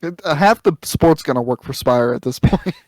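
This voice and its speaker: A man co-hosting a casual podcast, bantering and teasing his friends with quick jokes. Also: a little high, animated, a little mellow, dry recording. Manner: teasing, jokey, quick asides. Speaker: podcast co-host.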